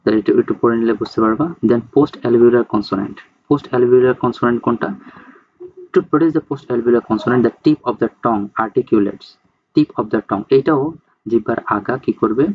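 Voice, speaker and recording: A male teacher gives a casual spoken lecture. He keeps checking in with his students and reads terms slowly before explaining them. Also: mid-range voice, phone-quality sound, a little hiss or hum. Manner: explains slowly, often checks in with "ঠিক আছে?".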